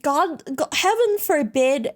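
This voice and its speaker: High-pitched cute anime-streamer woman. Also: lively intonation, takes it slowly. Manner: teasing, exasperated, slangy. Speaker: streamer reacting to a video. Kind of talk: casual livestream reaction commentary.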